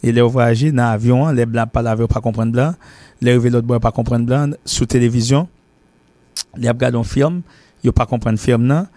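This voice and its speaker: A man from Haiti with a Haitian accent, hosting and teaching a spoken English lesson. He explains at length, repeats and restarts phrases, and slows down whenever he pronounces an English phrase. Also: medium pitch, fairly even intonation, mellow, no echo. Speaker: English teacher and show host.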